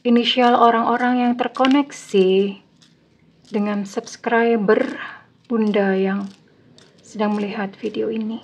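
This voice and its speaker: A woman's voice: on the high side, fairly even intonation, measured pace, pauses often, a little hiss or hum. A woman giving a casual tarot reading to her viewers, talking in a chatty, teasing way with loose everyday slang. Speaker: tarot reader. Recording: slightly dull lo-fi sound.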